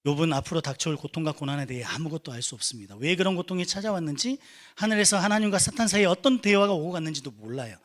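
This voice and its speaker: A man's voice: on the high side, a bit bright. A young man preaching a sermon to a church youth group, earnest and conversational, with rising emphatic peaks. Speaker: youth pastor.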